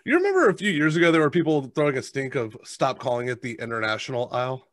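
An expressive, fast-talking American man in his thirties, with a mid-range voice, runs a casual snack review and eats crunchy treats as he gives his matter-of-fact take. Recorded indoors at a desk on a video call through a headset, the sound is dry and studio quality.

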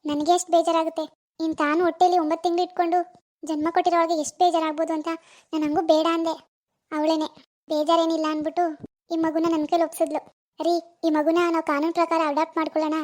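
A woman voicing a fussy, chatty young mother in a cartoon, who coos softly to her baby. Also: very high-pitched, little pitch movement, quick pace. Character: young adult woman, new adoptive mother, doting. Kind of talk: animated cartoon voice acting.

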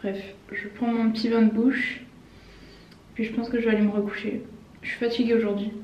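A young woman with a slightly high voice talks to the camera like a vlogger. Her mouth is swollen and sore after having wisdom teeth out, which hampers her speech. She keeps it informal and self-deprecating. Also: little pitch movement, brisk, muffled recording, a little hiss or hum. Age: young adult. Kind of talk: casual chat to camera. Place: small room at home, indoors.

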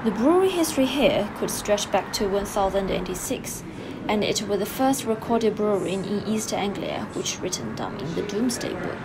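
A woman reading a scripted documentary voice-over in a careful, steady way. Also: mid-range voice, normal speed, few pauses. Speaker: narrator. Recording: voice-over with loud background noise.

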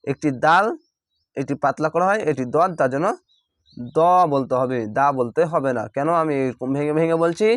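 A man teaching recitation, chanting each word slowly and then patiently spelling it out syllable by syllable. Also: a little high, no echo. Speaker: Quran reading teacher.

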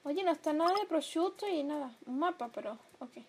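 A young woman commenting on a video game she is playing, emotional and prone to loud outbursts. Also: high-pitched, lively intonation, brisk. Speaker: gameplay commentator. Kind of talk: let's play commentary. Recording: home mic with clear background noise.

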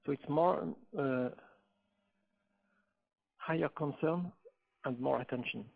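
A man answering questions as an expert panelist on a webinar, halting with many pauses. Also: medium pitch, vocal fry. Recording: tinny phone-like line.

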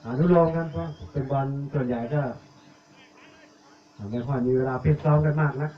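A man's voice: mid-range voice, moderate pace, a little hiss or hum. Tinny-sounding man commentating football. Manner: rattling off player numbers and names, rising excitedly on attacks. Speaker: match commentator. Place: outdoor village football match. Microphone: cheap tablet recording. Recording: echoey, tinny, phone-like audio.

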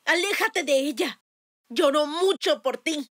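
A voice actress in a film dub playing a caring woman who urgently calls out to a distraught friend and then tries to calm her. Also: sits high, a little slow, dry recording, clean studio sound. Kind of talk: dubbed film acting.

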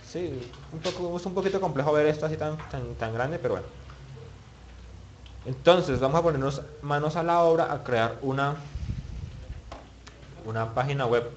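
A man's voice: a little high, moderate pace, pauses often, highs cut off, slight background noise. A man teaching web page building in a screen-recorded tutorial, thinking aloud and muttering as he clicks, with many restarts. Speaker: web development instructor.

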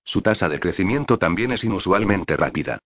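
A man narrating a translated fantasy web novel in an even, steady reading voice. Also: deep voice, a little fast, lo-fi sound. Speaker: audiobook narrator.

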